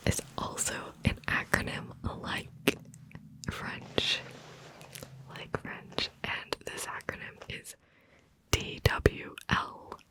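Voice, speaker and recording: A woman's voice: sharp tone, poor audio. A woman hosting an ASMR video in a close whisper, right in your ear on a binaural mic, lingering over and repeating words. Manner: slow, lingering repetition of words. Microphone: close binaural microphone.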